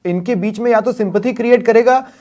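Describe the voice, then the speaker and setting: Male news anchor, high voice, pointed deliberate questions, debate moderator. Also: a little mellow.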